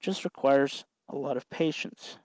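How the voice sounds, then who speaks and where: At a measured pace, a man with a medium-pitched, darkish voice explains each step of a DIY electronics project patiently and folksily as he works on it. The recording is dry, and the audio quality is poor.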